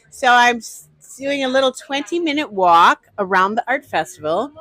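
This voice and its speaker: A woman's voice: on the high side, sharp tone, no room sound. A woman walking through an outdoor art festival, narrating her vlog chattily and greeting people she passes. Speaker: vlogger.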